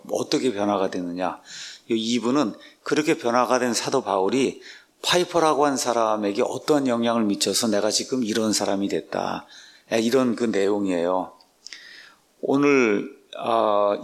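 Here a man who pastors and translates scripture takes his time through a book study, with many lingering "uh"-type fillers. The voice is fairly low and creaky.

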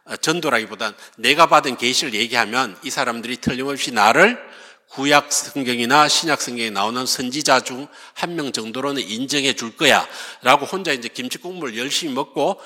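A man tells history as a lively story, his pitch climbing and dropping freely. His tone is bright and forceful. The voice carries a long reverb, as from a lecture hall. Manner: lively storytelling, acts out quoted speakers.

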